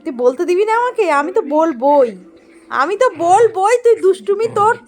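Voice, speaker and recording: A woman vlogger chatting casually to the camera about her pet, animated and playfully scolding, repeating herself. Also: very high-pitched, brisk, soft background music.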